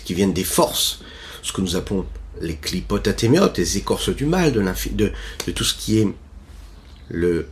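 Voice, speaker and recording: A rabbi teaching a Torah lesson, telling a parable with pauses and restarts. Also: male voice, lowish voice, a little mellow.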